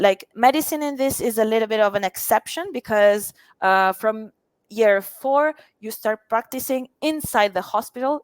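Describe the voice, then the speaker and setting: A woman with a medium-pitched, clean voice and no echo answers interview questions as a university representative. Italian is her first language, and she hesitates often, filling gaps with fillers.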